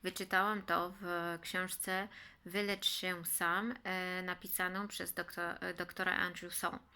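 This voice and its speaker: A middle-aged woman casually explaining a home tip to viewers in speech, halting now and then in a lighthearted, informal way. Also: on the low side, little pitch movement, sharp tone, smooth. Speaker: vlogger sharing a home health tip.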